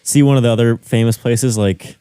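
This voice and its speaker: A man's voice: mid-range voice, fairly even intonation, a little fast, warm tone, smooth, no room sound. A young man on a podcast, laid-back and rambling, peppering his talk with "like". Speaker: podcast host. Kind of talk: casual chat.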